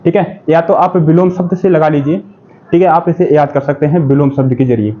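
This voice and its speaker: Male exam-prep tutor, high voice, drilling by call and answer, dull lo-fi recording. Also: steady tone, fairly quick. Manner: repeats questions and answers them himself, says "ठीक है" often. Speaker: exam-prep Hindi teacher. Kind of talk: classroom-style lesson. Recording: dull lo-fi sound.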